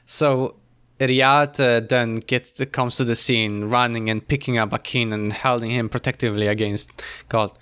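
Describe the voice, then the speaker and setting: A man co-hosting a casual book discussion, retelling scenes in an animated way with many fillers. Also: medium pitch, a little slow, clean tone. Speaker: podcast co-host.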